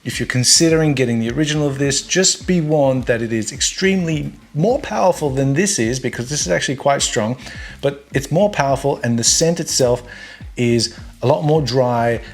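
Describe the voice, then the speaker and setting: A man's voice: mid-range voice, moderate pace. A man hosting a casual fragrance review video, chatty and wry, with self-deprecating humor.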